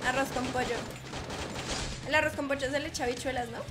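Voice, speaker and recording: A woman's voice: high-pitched, steady tone, quick pace, over loud music. A woman streaming a game live, teasing and chatting playfully with her viewers.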